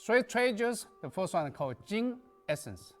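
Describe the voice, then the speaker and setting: A man's voice: sits high, big pitch swings, moderate pace, soft background music. A man, a native Chinese speaker, teaching a qigong lesson in emphatic, non-native English that drops articles and verbs. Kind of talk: lecture.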